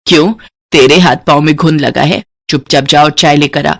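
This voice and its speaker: A woman's voice: deep voice, fairly even intonation, moderate pace, gravelly, pitched below the performer's own voice. Woman voicing a harsh scolding old mother-in-law. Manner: shouting, mocking insults.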